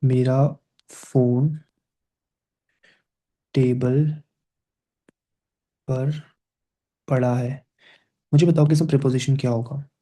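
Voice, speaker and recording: A man's voice: mid-range voice, steady tone, slow, pauses often, dark tone. A man teaching a grammar lesson, explaining step by step and constantly checking with his students, switching between Hindi and English phrases.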